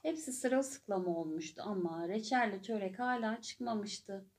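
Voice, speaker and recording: A woman narrating a children's story in a slow, gentle and clear way. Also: medium pitch.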